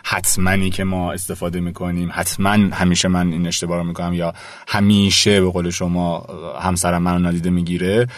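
Deep-voiced man summing up thoughtfully. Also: monotone, dry recording, clean studio sound. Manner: reflective, sums up the guest's points. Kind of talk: conversational podcast talk.

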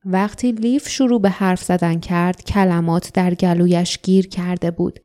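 A woman narrating an audiobook in a calm, even storytelling manner. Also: fairly low pitch.

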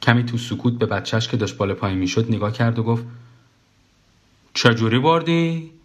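A man's voice: on the low side, steady tone. Man reading a wry first-person story.

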